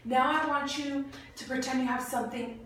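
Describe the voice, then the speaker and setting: A woman's voice: high voice, steady tone, moderate pace, fairly bright tone. A woman clinician giving step-by-step exam instructions in an encouraging way, with short bits of praise. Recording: very echoey room, distant mic, faint noise.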